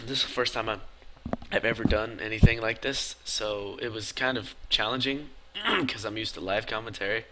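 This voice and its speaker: A tired man talking quietly and casually as he narrates a building game in his video. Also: normal speed, heavy background noise. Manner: talks quietly and low-key because it is late. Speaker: gaming video creator. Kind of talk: casual gameplay voice-over.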